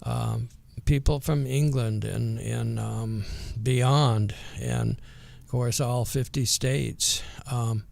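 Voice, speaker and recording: An older man with a natural Vermont accent and rural twang, reminiscing casually and hesitantly in a folksy, unhurried way as an interview guest. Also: mid-range voice, steady tone, gravelly, a little mellow, no echo.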